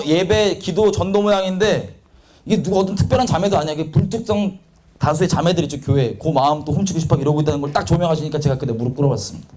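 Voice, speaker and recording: A man delivers a confessional sermon about his own failings. His voice sits on the high side and his pitch leaps and dives constantly. He slips into the voices of the people he quotes and mocks himself bluntly. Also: darkish tone. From South Korea. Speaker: preacher giving testimony. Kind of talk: testimony sermon.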